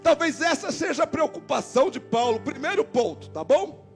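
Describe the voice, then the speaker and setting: A man with a Brazilian Portuguese accent, a pastor giving an animated sermon and acting out the dialogue in his stories. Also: extremely high pitch, normal speed, soft background music. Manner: animated preacher voicing quoted dialogue. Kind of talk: sermon with storytelling. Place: church service.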